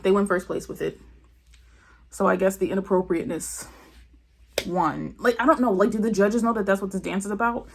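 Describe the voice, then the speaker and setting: A woman's voice: mid-range voice, gravelly, husky. A woman giving a candid, opinionated review of a television show in casual commentary, acting out the people she quotes. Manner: candid, chatty, with frequent fillers; acts out quoted people in her retelling.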